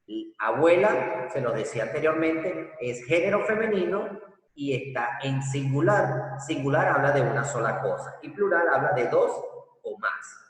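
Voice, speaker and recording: A man teaching a recorded grammar lesson, explaining slowly and deliberately and asking rhetorical questions. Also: on the high side, expressive. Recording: echoey room from far off.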